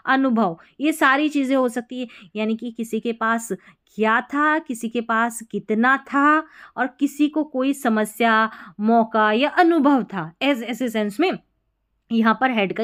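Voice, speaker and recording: A woman teaching English grammar in a patient, explaining way, repeating key points and reading example sentences out slowly. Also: a little high, a bit bright, clear, resonant tone.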